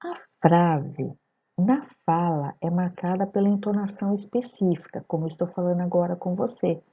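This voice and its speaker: A woman's voice: on the low side, normal speed, warm tone, highs cut off. A woman teacher giving a recorded grammar lesson, explaining terms step by step and asking her students rhetorical questions. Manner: didactic, addresses students directly with rhetorical questions.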